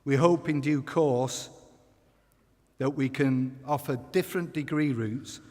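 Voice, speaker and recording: A man giving a formal, measured podium speech as a university vice-chancellor in a large, echoing hall. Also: mid-range voice, darkish tone. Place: large ceremony hall, indoors. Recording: echoey hall with long reverb.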